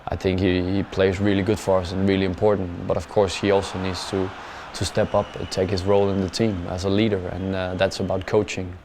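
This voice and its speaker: Over a noisy background, a young footballer answers post-match interview questions in careful English. His low voice has little pitch movement, staying level, and he halts frequently, repeating words and adding many "uh"s, plain and measured, before trailing off softly at phrase ends.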